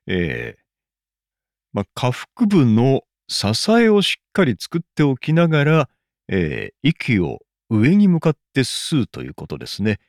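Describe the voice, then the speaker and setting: A man's voice: mid-range voice, a little mellow, dry recording, studio quality. A man hosting the show, recapping each segment with frequent fillers. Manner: recaps with many fillers, swooping intonation. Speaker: host summarizing segments. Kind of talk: recorded commentary between segments.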